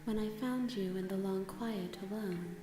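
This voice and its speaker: A woman voicing a vast, godlike female entity who speaks in a slow, solemn, measured way. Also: medium pitch, natural voice. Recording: cavernous reverb over game music.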